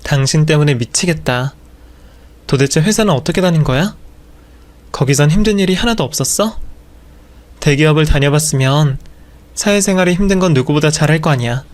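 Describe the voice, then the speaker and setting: A man's voice: a little high, moderate pace, long pauses, close to an everyday voice. A man voicing an exasperated young wife and working mother who scolds her husband. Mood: scolding. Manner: scolding, nagging.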